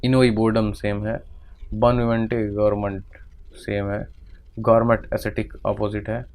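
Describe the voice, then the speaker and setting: A man's voice: fairly low pitch, flat delivery, normal speed, darkish tone. A man teaching English vocabulary in Hindi, working through a vocabulary exercise aloud and murmuring word lists half to himself.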